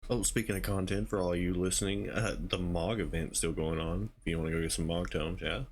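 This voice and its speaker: A podcast host chatting casually and reading out viewer questions in a relaxed way. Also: low-pitched, a little hiss or hum.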